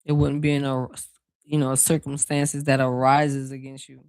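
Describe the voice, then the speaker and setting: Gravelly, chatty intuitive card reader. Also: medium pitch, monotone, moderate pace, dry recording. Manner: rambling and chatty, with many "you know" fillers; talks straight to viewers as "y'all". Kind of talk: casual spiritual card reading to viewers.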